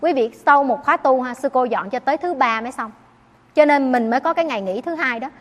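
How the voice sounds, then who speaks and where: A woman's voice: sits high, quick pace. A Buddhist nun gives an earnest dharma talk, often turning questions back on her listeners. Her voice rings with the long reverb of a large hall. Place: temple hall.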